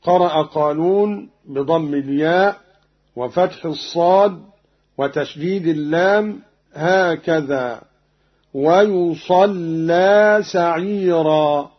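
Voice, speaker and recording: A man with a somewhat high voice explains Quran reading variants in a formal broadcast manner. He speaks very slowly and deliberately, drawing the quoted verses out even more. The sound is dull and lo-fi, like an old archive radio recording. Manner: measured, deliberate delivery, slowing further for quoted verses. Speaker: radio presenter of a Quran recitation program.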